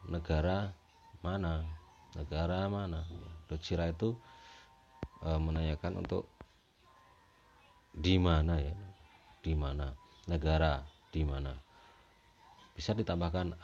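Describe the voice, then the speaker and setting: A man with a low, mellow voice walks through a lesson, patient and repetitive, circling back to each point with easy fillers. The audio is a little dull, with a faint hiss underneath. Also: gravelly. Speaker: Japanese language teacher. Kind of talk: recorded language lesson.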